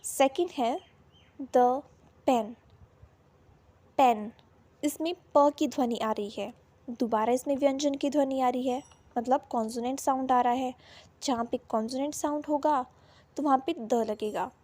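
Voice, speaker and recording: A woman teaching English grammar, slowly repeating each example word. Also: high voice, mellow. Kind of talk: explaining a lesson in Hindi.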